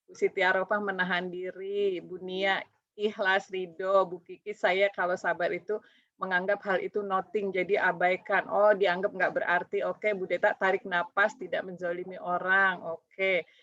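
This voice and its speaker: Lively woman teaching an online study group. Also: fairly low pitch, normal speed, no echo, muffled recording. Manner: lively, acts out quoted voices. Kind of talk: online Islamic study talk.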